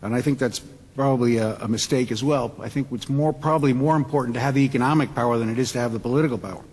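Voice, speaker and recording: A man from Puerto Rico speaking earnestly on a symposium panel, halting and restarting his sentences. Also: mid-range voice, darkish tone. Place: conference hall. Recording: long reverb of a large hall.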